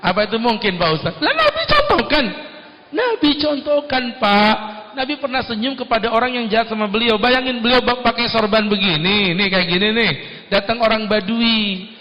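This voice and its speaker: A male preacher giving a lively, joking Islamic sermon at a company event in a ballroom. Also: high-pitched, fairly quick. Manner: lively, joking, plays many voices. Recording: echoey ballroom through dull PA.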